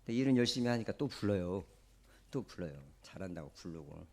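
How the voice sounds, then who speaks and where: A man's voice: deep voice, animated, fairly quick, creaky, mellow. A male pastor with a Jeolla Korean accent, preaching a sermon in a conversational, storytelling way. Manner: conversational, storytelling, acts out quoted speech.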